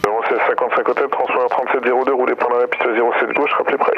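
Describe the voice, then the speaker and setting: A man's voice: medium pitch, little pitch movement, very fast. A man giving clipped procedural instructions as an air traffic controller over aviation radio. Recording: muffled radio with aircraft noise.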